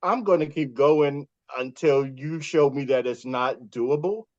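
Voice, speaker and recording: A man's voice: on the high side, measured pace, a little mellow, no room sound. Chatty man, slightly muffled dry sound. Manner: chatty, laughs often, acts out quotes. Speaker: podcast guest. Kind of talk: casual storytelling chat.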